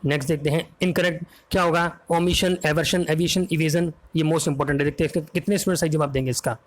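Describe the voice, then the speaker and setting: A man teaching an online exam vocabulary lesson, quizzing students and spelling words out letter by letter in a brisk, coaxing way. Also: a little high, steady tone.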